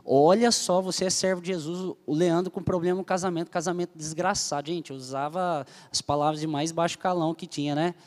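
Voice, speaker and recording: A man's voice: fairly high pitch, fairly even intonation, fairly quick, few pauses, a little mellow, in a large hall. A young man from Brazil giving an emotional personal testimony as a church leader, telling his story earnestly and animatedly to the group.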